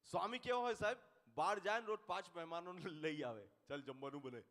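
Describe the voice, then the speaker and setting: A man's voice: high-pitched, animated, fast, a bit bright. A man with a Gujarati accent doing stand-up comedy on stage. He talks straight to the audience and acts out the people in his jokes. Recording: live hall with long reverb.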